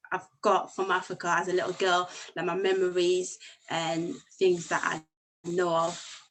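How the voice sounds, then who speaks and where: Poor audio carries the medium-pitched voice of a chatty woman of Lingala background from Congo and Angola. She shares her story with a group in a casual, warm, rambling way, restarting often.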